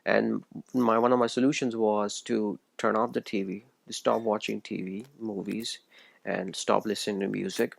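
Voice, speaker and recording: A man's voice: fairly low pitch, little pitch movement, moderate pace, vocal fry, dry recording. A man from Pakistan, giving an earnest, preachy solo commentary and often stumbling and restarting his phrases. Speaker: video essayist. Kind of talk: solo religious commentary monologue.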